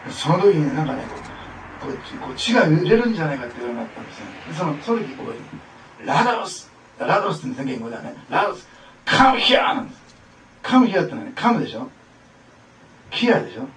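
A male pastor preaching a sermon with fervent, expressive delivery, often breaking into laughter. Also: medium pitch, very fast. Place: church sanctuary. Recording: echoey hall from a distance with noise.

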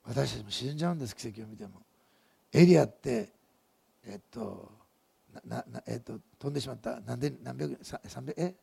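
Male pastor, sermon; gravelly and husky, animated storyteller who talks with his congregation. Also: medium pitch, fairly quick. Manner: lively storytelling preacher who asks the congregation questions.

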